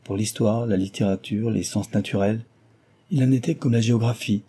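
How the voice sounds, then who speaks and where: A man with a fairly low, slightly breathy voice reads a classic novel aloud as narrator. His pace is steady and measured throughout.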